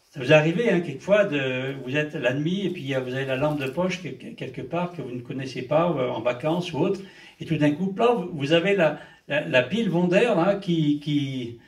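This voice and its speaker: An older man preaching a sermon as pastor. He preaches with emphasis and often breaks in with amen and hallelujah. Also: fairly high pitch. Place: church. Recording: echoey church hall, mic at a distance.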